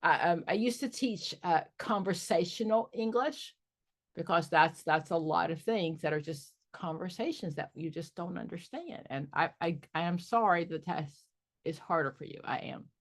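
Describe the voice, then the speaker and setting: A woman's voice: fairly low pitch, moderate pace. A middle-aged woman coaching an exam prep group, candid and joking with sassy asides. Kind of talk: live online study group.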